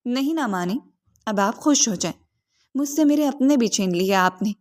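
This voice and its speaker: A woman's voice: a little high, expressive, natural voice. Woman reading a distraught young bride, tearful, reproachful, voice rises.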